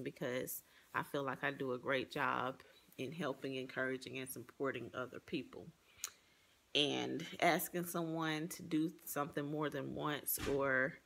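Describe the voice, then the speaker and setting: A woman with a deep, fairly bright voice that carries noticeable fry and gravel gives a personal, reflective presentation, reading partly from notes. She explains herself earnestly.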